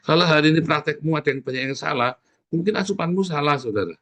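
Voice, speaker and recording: A man's voice: on the high side, fast, a bit bright. A middle-aged man preaching a sermon as pastor, exhorting the congregation directly and repeating his key phrases over and over.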